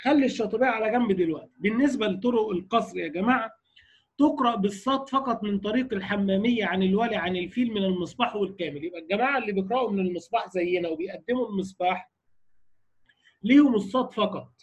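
Egyptian male recitation teacher, high voice, explains step by step and keeps checking that students follow. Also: rapid-fire, husky. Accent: Egyptian Arabic. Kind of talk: lecture on recitation variants.

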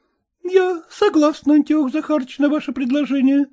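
A male storyteller takes on the voice of a lively, frank young woman who firmly lays down her terms. He speaks very high, well above his own natural pitch, in a brisk, coaxing, insistent way.

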